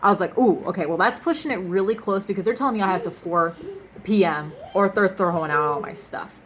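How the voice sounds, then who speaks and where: A woman's voice: fairly low pitch, fairly quick, a bit bright, a little hiss or hum. A young woman vlogger upset and rambling as she recounts a personal ordeal at home, full of restarts and fillers. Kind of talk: emotional personal storytelling.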